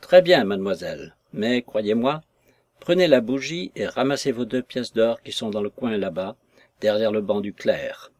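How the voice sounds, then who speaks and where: A male reader playing an older lawyer who stays calm, measured and unmoved. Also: fairly low pitch, no echo. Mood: cold calm.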